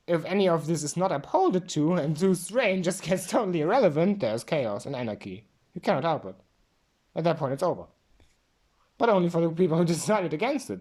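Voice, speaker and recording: Drunk woman rambling on philosophically, lowish voice, keeps repeating stuff, really emphatic. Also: dark tone.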